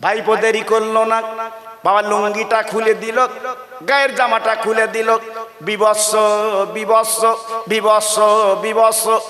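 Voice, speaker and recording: A man's voice: high voice, flat delivery, unhurried, long pauses, pushed and bright, reverberant, in a large hall. A male Islamic preacher telling a story in an emotional, repetitive, half-sung sermon style.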